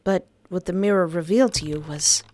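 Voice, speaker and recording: A woman's voice: lowish voice, a little fast, darkish tone. A woman narrator reading a scripted second-person horror story.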